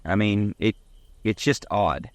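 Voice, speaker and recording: A man's voice: on the low side, slow, dry recording. A man co-hosting a casual sports podcast, musing aloud with hesitant restarts. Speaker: podcast co-host.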